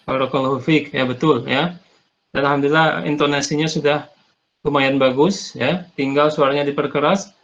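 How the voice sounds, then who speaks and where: A man teaching an online Arabic class over a video call, patient and corrective, often pausing with "eh". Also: mid-range voice, creaky, fairly bright tone. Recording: muffled video call audio.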